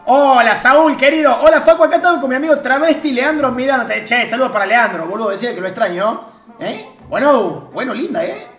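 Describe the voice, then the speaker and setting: A man with an Argentine accent streaming slots, talking loudly to his chat with sudden shouted outbursts and lots of slang. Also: very high voice, fairly quick, roomy sound, faint music behind. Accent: Argentine Spanish. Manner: excitable, loud outbursts and shouting, heavy slang and swearing. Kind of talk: live gambling stream chat.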